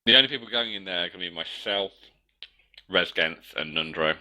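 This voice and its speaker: A man's voice: sits low, a little fast, background noise. A man playing a tabletop game, talking through plans casually with the group. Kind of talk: casual game planning talk.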